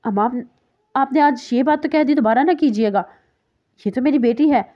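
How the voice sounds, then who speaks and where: A woman's voice: high voice, muffled recording, pitched above the performer's own voice, lightly acted. A woman reading a stern protective father. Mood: firm. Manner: calm but firm.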